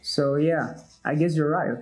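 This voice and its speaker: A man's voice: fairly high pitch, a little slow, a little mellow, faint music behind. A man, chatting as a guest in a barber's chair, thoughtful and hesitant with many fillers. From Crete, Greece. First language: Greek. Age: 20s. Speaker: guest, medical student. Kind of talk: casual chat.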